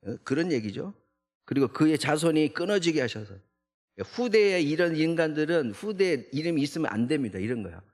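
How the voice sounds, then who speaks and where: A man's voice: on the high side, expressive, fairly quick, a little mellow. A man, a junior pastor, giving an early morning prayer sermon in a church, talking conversationally and often tagging lines with a rhetorical "eh?". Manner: conversational, with frequent rhetorical "eh?" tags; acts out the psalmist's protests in a raised voice. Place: church sanctuary.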